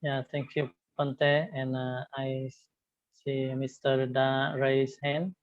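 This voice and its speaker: Man, online discussion moderator, repetitive halting delivery, dry narrow-band line, slow. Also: mid-range voice, level tone, no room sound. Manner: halting, repeats phrases. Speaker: discussion host. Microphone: online call. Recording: narrow, phone-like online call.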